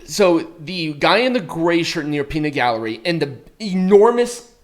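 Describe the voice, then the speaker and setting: A podcast co-host with a fairly high, very animated voice explains a clip at normal speed, chatting casually in a rambling way. His reaction commentary is full of crude slang and free swearing.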